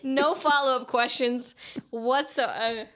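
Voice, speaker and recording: A woman chatting casually on a podcast about a film, animated and laughing often as she quotes lines. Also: sits high, slow. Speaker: podcast panelist discussing a film.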